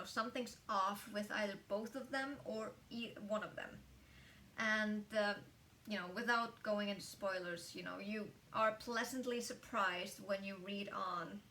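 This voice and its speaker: A woman's voice: medium pitch, bright, forceful tone, recorded from a distance, slight background noise. A woman casually reviewing a book, talking in a chatty way with lots of fillers and restarts.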